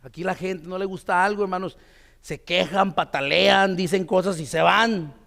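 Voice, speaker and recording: A man's voice: high-pitched, normal speed, creaky, a bit bright, long reverb tail. A man pastor preaching a sermon in a church, conversational, full of fillers and tag questions. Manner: tells a story with many "dice" quotes.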